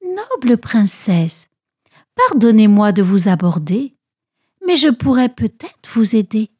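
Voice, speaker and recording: A woman's voice: high-pitched, normal speed, a little mellow, voice pushed up. A woman voicing a young girl in a children's Bible storybook, speaking timidly but with determination.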